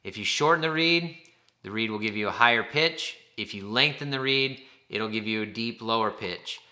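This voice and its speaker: A man's voice: fairly low pitch, moderate pace, sharp tone. A man giving an informal, plain-spoken instructional demonstration, explaining things step by step.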